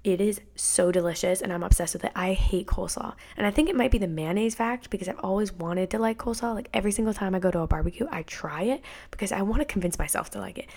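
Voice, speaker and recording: A woman's voice: medium pitch, fast talker, few pauses, a little mellow. A woman, hosting a casual solo podcast in a chatty, candid, rambling way, full of "like" fillers. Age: 20s. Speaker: podcast host.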